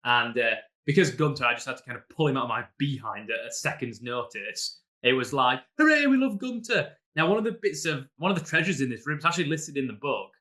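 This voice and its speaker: A man with a bright, forward voice talks through his last tabletop session as game master. He rambles loosely, with plenty of fillers and restarts. When he mimics his players, he raises his voice. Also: medium pitch, fast talker, hardly any pauses. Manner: rambling storyteller, many fillers. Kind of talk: casual campaign recap.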